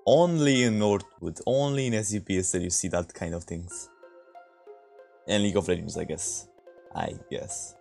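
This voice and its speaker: A man's voice: deep voice, moderate pace, creaky, darkish tone, soft background music. A young man from Romania streaming a game, chatting casually with viewers in a laid-back, joking way with frequent laughs. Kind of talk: casual gameplay chat with viewers.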